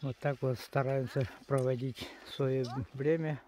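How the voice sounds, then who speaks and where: A man's voice: mid-range voice, level tone, measured pace, dark tone. A man narrating casually outdoors on a snowy sledding hill, like a father filming his children. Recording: noisy outdoor home video.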